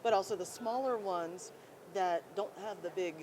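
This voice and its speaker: At a busy conference hall, a woman hosting an interview podcast asks rambling questions peppered with fillers. Her medium-pitched voice has a darkish tone and normal speed, and the conference floor noise is audible.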